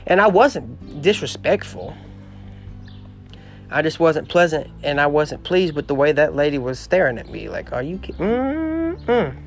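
A man's voice: fairly high pitch, animated, normal speed, faint music behind. Dramatic young man. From southeast Missouri. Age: late teens. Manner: dramatic, exclamatory, gossipy. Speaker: podcast host. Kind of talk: casual storytelling monologue. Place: outdoor porch.

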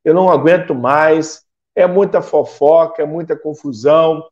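A man's voice: moderate pace, a little mellow, lo-fi sound, close to an everyday voice. A man voicing a middle-aged church woman who complains about everything. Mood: complaining. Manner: complains in a shrill, rising voice.

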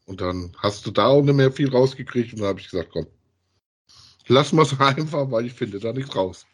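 As co-host of a podcast about radio plays, a man chats casually in colloquial phrases, often tagging sentences with "ja" to seek agreement. His voice is medium-pitched and animated, at normal speed with a breathy edge.

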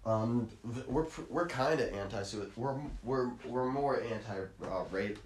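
A man hosting a comedy podcast, rambling crudely through a stream of ums and restarts and breaking into shrill squealed sound effects. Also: measured pace, a little hiss or hum. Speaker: podcast host.

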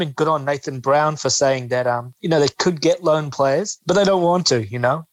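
A man's voice: medium pitch, dry recording. A man with a New Zealand accent giving casual sports analysis as a podcast panelist.

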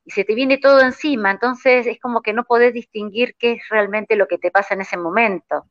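A woman's voice: fairly high pitch, steady tone, a little fast. A Rioplatense woman hosts over a video call, her voice coming through dull and lo-fi. She speaks to her listeners directly and nudges her guest along with questions. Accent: Rioplatense Spanish. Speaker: host. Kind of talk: casual interview chat.

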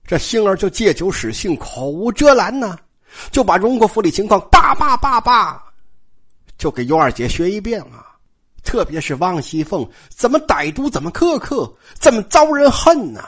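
Male traditional storyteller, colloquial and joking, very animated pitch. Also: moderate pace, husky. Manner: lively, colloquial, joking asides.

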